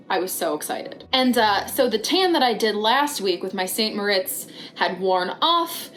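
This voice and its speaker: A woman giving a casual, ranting product review in a chatty way, stressing and stretching words for drama. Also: on the high side. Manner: chatty, dramatic emphasis with drawn-out, repeated words. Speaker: YouTube host. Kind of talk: casual rant-style product review vlog.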